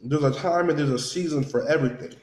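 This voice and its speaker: Quick and a little mellow, with a voice on the high side, a man vlogs while eating and tells viewers a relaxed story. He chews between lines, voices the people he's quoting, and repeats bits for emphasis. Echo fills the roomy recording.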